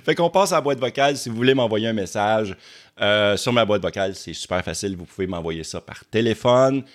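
A man's voice: lowish voice, animated, fairly quick. A man from Quebec with a Québécois accent, hosting casually and stammering as he repeats words. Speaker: YouTube host. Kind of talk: casual chat.

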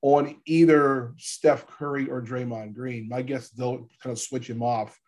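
A man with a stuffy, gravelly voice from allergies, hosting a casual sports podcast and informally rephrasing his points as he goes. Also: medium pitch, level tone, unhurried, a little mellow. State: congested from allergies. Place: podcast studio.

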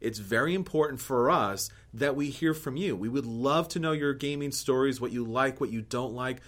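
A man co-hosting a board game podcast, talking earnestly and upbeat, with lively quoted asides. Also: medium pitch, normal speed. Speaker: podcast co-host. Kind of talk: casual podcast talk.

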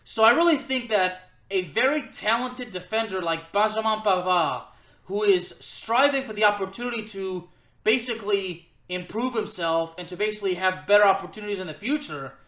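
Male football podcaster, high forceful voice, emphatic off-the-cuff opinion, roomy echoing recording. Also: moderate pace. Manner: emphatic, repeats phrases for effect. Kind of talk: unscripted opinionated sports commentary.

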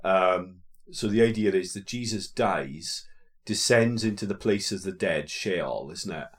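A man's voice: low-pitched, unhurried. A man with a South Wales accent, hosting a podcast as a vicar and explaining faith casually in a chatty, jokey, informal way.

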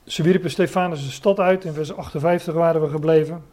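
A man preaching a Bible lesson in a warm, mellow voice that sits a little high. He reads scripture aloud and then explains it, stopping often to search for the next word. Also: fairly even intonation, fast talker. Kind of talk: Bible teaching sermon.

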